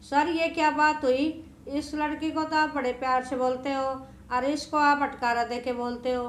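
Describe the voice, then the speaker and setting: A woman's voice: high voice, level tone, normal speed, echoey room, natural voice. A woman voicing a worried poor mother who pleads anxiously for her daughter.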